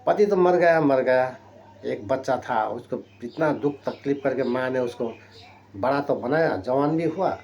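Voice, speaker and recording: Man preaching with sharp rises and drops. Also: medium pitch, a little hiss or hum. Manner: rising and dropping sharply for emphasis, frequent tag questions. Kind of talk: sermon.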